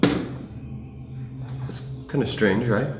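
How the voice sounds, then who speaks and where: Deep-voiced questioning investigator. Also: male voice, extremely slow. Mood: puzzled. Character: puzzled, questioning male investigator open to the uncanny. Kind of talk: found-footage horror film acting. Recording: echoey room, faint music.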